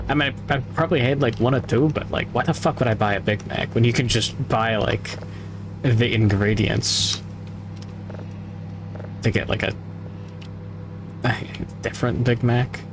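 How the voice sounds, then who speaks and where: A man giving casual, rambling livestream commentary while gaming, halting and repeating himself, with some swearing. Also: medium pitch, background noise. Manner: halting, repetitive, profane. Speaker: video game streamer.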